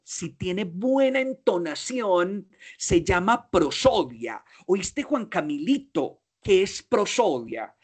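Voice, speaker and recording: A man with a Colombian accent and a voice that sits high gives a playful, slangy motivational talk, asking himself questions and then answering them.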